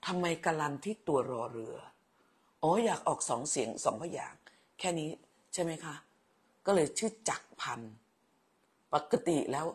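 ผู้หญิงวัยกลางคน อดีตครู คุยไลฟ์สดอ่านคอมเมนต์ผู้ชม พูดแบบแม่ๆ ชอบแซว พูดซ้ำคำ. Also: female voice, sits low, a little mellow, husky. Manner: chatty, motherly, teasing, repeats words. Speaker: livestream host, former teacher. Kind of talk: casual live chat reading viewer comments.

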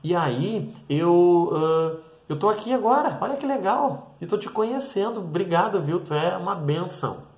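Brief: man putting on a cheerful, grateful homeless man; high, thankful, effusive; roomy echo. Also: lively intonation, moderate pace, hardly any pauses, darkish tone. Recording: roomy echoey room.

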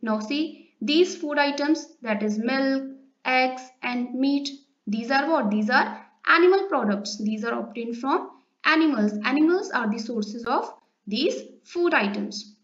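A woman's voice: high voice, unhurried. A woman with an Indian accent teaching children a school science lesson, reading aloud and explaining in a didactic, questioning way. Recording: roomy echo, dull lo-fi sound.

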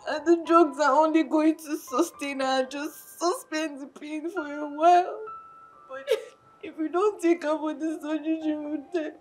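A distraught young Nigerian woman in a film drama, her high voice mellow and soft-edged as she pleads through tears, played by an actress. Faint music lies under her lines. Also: steady tone, normal speed, natural voice, low-quality recording. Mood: tearful. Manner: tearful, pleading. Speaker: daughter of a sick mother. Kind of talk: Nollywood film acting. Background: faint background music.

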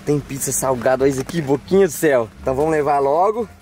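A man's voice: medium pitch, fast, darkish tone. A young Brazilian man filming a casual vlog, joking and apologizing to a friend with lots of banter. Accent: Brazilian Portuguese. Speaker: vlogger.

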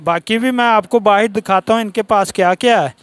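A man's voice: high-pitched, brisk, fairly bright tone, no echo. A man in his thirties with a Pakistani Urdu accent, filming a casual walking tour of a tool shop and asking about prices. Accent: Pakistani Punjabi-inflected Urdu. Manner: casual, points things out and asks prices. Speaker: vlogger. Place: indoor tool shop in a market.

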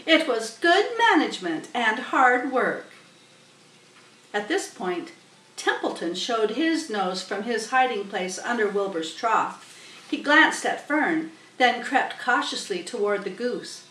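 Reading a children's story in a small room, a middle-aged woman speaks unhurriedly with lively intonation and a medium-pitched, fairly bright voice. The webcam sits a little distance away, so the audio is roomy and distant.

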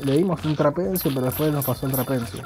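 Gravelly Argentine man joking through gameplay. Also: fairly high pitch, quick pace, over music. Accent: Argentine Spanish. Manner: joking, crude slang banter. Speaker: gaming YouTuber. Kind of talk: gameplay commentary.

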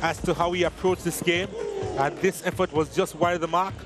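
A man giving measured football commentary over match highlights, reading lineups and stats. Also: fairly even intonation, music in the background.

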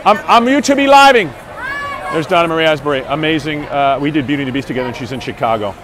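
A slightly high, expressive male voice talks fast over a noisy background. He's a forties-aged Broadway actor livestreaming from his phone as he strolls a street fair, chatting upbeat to viewers with plenty of fillers. Through an earbud headset mic, phone at arm's length, the crowded outdoor city street and its crowd come through.

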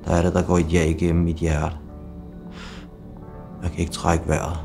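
A middle-aged man telling his own life story in a slow, blunt, confessional way, with bursts of swearing. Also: sits low, completely flat delivery, creaky. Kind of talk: personal testimony narration. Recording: music playing behind.

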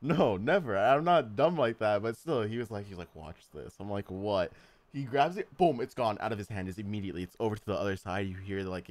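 A young man hosting a podcast, telling a school story in casual chat, acting out quotes and laughing often. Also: fairly low pitch. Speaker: podcast host.

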